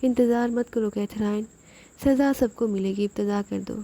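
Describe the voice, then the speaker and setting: A woman's voice: medium pitch, steady tone, mellow, lightly acted. A woman voicing a furious feudal lord barking cruel orders at his men. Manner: commanding, furious.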